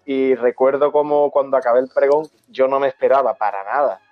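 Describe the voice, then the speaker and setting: A man tells an old memory at an unhurried pace, stumbling over and repeating his words. The recording is dull and lo-fi, with faint music underneath. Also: mid-range voice, steady tone, dry recording. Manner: halting, repeats words, moved. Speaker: host of a brotherhood talk show. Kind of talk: emotional storytelling in casual chat.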